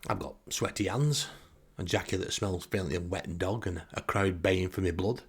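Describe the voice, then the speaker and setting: Speaking at a moderate pace in a low voice with a breathy edge, the Northern English comic storyteller from Northern England shares a first-person anecdote for laughs, wry and self-deprecating throughout.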